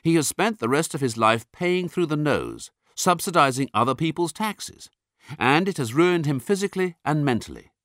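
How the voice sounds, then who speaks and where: A man reads an audiobook with emphatic, persuasive delivery. His voice rises and falls a great deal, and he slows right down on key words. The sound is dry and close-miked. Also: on the high side, lively intonation, fairly bright tone, no echo. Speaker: narrator. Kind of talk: audiobook narration.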